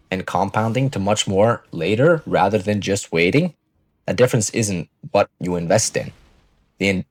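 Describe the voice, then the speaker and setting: This early-twenties finance vlogger motivates his audience in a blunt, casual, assertive way, swearing often into a close mic. His slightly rough voice is on the low side, with no room sound.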